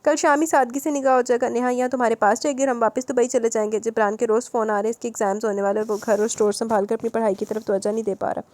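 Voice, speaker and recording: A woman's voice: on the high side, fairly even intonation, few pauses, darkish tone, natural voice. Woman playing a sweet-talking scheming mother. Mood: coaxing. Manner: coaxing, honeyed persuasion.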